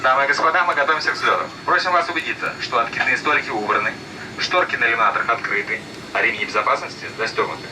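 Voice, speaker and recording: A male flight attendant reading formal safety announcements over a plane's cabin loudspeaker. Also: lively intonation, racing. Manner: formal, recited delivery. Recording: distant cabin speaker with engine rumble.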